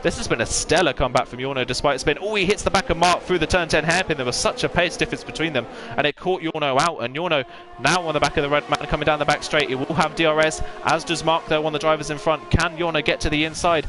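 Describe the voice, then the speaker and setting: A man's voice: a little high, fast talker. A man giving fluent, detailed live play-by-play commentary as an esports sim racing commentator.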